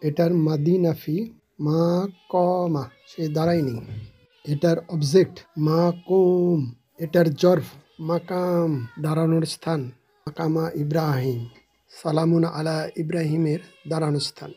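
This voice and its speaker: A man lectures on grammar in a low-toned, husky voice. He moves through the word forms one by one, stating each in a short phrase and then glossing it, like a patient teacher at a whiteboard. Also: level tone, mellow. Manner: measured, explains each form and then glosses its meaning.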